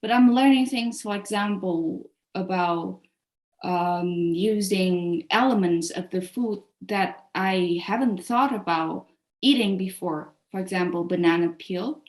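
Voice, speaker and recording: A Vietnamese woman with a lowish, unhurried voice speaks candidly and earnestly in a casual interview. She is a culinary association staff member who also hosts a webcast, and the room sounds echoey.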